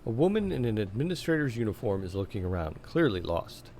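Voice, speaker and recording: A man streaming a game live, chatting casually and reading the in-game dialogue aloud while his voice is going hoarse. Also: lowish voice, big pitch swings, brisk, darkish tone, a little hiss or hum. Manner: casual, chatty, laughs often, reads dialogue in plain voice. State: losing his voice, coughing.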